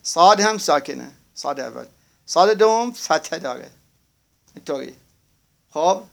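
A man teaching a grammar lesson to a class. His voice sits high and carries a gravelly edge, and he stretches out each word he spells while checking that his students follow along. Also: expressive. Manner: slow, drawn-out spelling of words, asks class to confirm.

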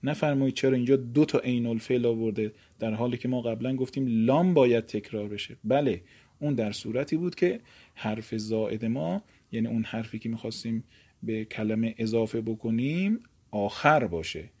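A man giving a recorded grammar lecture in a medium-pitched voice. He chants long verb paradigms slowly and drawn out, then explains the rules more quickly, using polite, formal teaching phrases. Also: darkish tone, husky. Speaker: teacher of Arabic morphology.

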